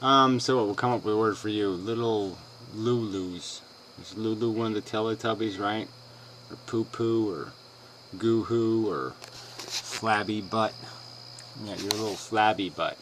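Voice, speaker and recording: A man's voice: fairly low pitch, a little slow, fairly bright tone, slight background noise, poor audio. A man ranting in a sarcastic, dismissive way as he answers another person's video. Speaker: video blogger responding to another video. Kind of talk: combative rant responding to a clip.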